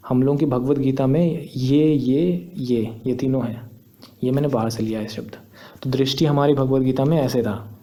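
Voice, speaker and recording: A man's voice: medium pitch, fairly even intonation, moderate pace, mellow. A young man, patiently explaining step by step in a screen tutorial. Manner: patient, step-by-step, repeats points. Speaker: teacher.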